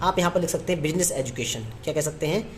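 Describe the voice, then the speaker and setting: A man teaching a grammar lesson, asking and answering his own questions and slowing down to spell out example sentences. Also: a little high, a little hiss or hum. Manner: repetitive question-and-answer teaching, slows down to spell out English phrases. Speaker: English teacher. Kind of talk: classroom lesson in Hindi.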